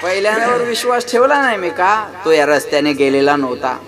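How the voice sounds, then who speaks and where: Man with a high voice giving a kirtan sermon, jokey village stories, keeps asking the crowd to speak up. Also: fairly quick. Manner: rhetorical, keeps asking the crowd to answer back; folksy storytelling with humor. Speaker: kirtan preacher. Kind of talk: devotional sermon to a live gathering.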